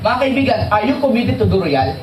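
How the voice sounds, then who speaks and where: Animated man training a crowd. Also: sits high, brisk, slight background noise. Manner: animated, jokey, quizzes the audience. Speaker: seminar trainer. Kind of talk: motivational training talk. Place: seminar hall with audience. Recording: echoey hall, distant mic, faint crowd.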